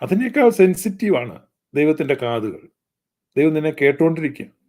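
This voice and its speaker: A male preacher with a high voice. He scolds with fervour and drives his points home by repeating them. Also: very animated, normal speed, darkish tone. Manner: fervent, scolding, mocking, with pointed repetition. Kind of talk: sermon-style critique.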